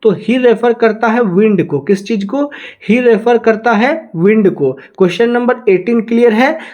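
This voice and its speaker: Slow-talking man teaching a lesson. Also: sits high, darkish tone. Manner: reads questions aloud very slowly, then explains and repeats answers. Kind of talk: exam-prep lesson.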